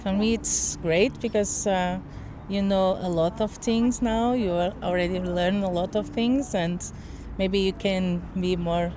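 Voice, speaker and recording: A woman's voice: medium pitch, steady tone, mellow. Portuguese woman in her fifties, street interview. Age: 50s. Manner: thoughtful, halting, searches for words. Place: outdoors in a city. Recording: street noise, outdoors.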